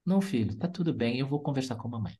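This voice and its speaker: A speaker putting on a calm, encouraging father. He speaks softly and gently to his son. He sounds unhurried and reassuring. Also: mid-range voice, breathy edge. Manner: soft, reassuring.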